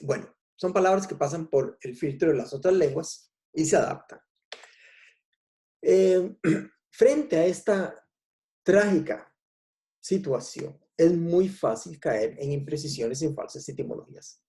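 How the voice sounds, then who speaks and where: A man with a Costa Rican Spanish accent giving a lecture at an easy, explanatory pace, often pausing on a drawn-out "eh". His voice is gravelly and dark, with a slightly raised pitch for a man. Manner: unhurried, explanatory, frequent "eh" pauses. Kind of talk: public talk on language history.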